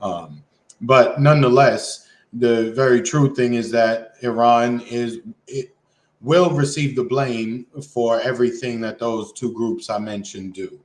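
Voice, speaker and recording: A man's voice: mid-range voice, a little slow, reverberant. A man co-hosting a casual political talk, making wry, sarcastic points. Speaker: podcast co-host.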